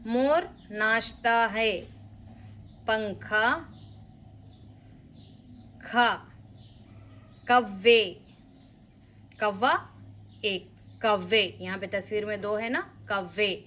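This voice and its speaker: Slow, patient woman teaching letters. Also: mid-range voice, steady tone, a bit bright, rough recording. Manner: patient, repeats and drags out words. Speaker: Urdu teacher. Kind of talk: slow beginner lesson, spelling out letters.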